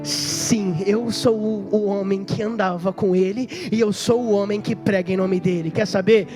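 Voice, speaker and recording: A man preaching in the voice of the apostle Peter, an old man facing execution, with impassioned, loud, rising declarations. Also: high-pitched, steady tone, moderate pace, over music, natural voice. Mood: startled, resolved.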